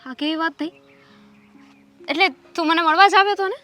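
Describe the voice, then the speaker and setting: An actress playing Damini, a teasing, quick-tongued young woman in a family film who talks a lot with mock indignation. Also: very high-pitched, pushed and bright, faint music behind. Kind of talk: film dialogue.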